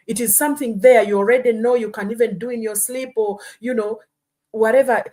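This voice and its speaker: A woman from Uganda hosts a live stream in a fairly high, warm voice, talking briskly with fairly even intonation. She speaks earnestly and keeps checking in with listeners, scattering "you know" and "hmm?" through her casual talk.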